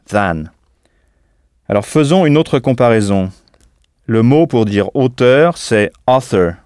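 A man teaching as a language tutor in a scripted audio lesson, speaking slowly and spelling words out letter by letter. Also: medium pitch, darkish tone, smooth, dry recording, studio quality.

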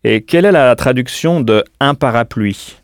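A man leads a scripted audio language lesson at a middle pitch. He explains clearly and patiently and leaves pauses for the listener to answer. The recording is dry and close. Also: expressive, no room sound. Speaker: language teacher.

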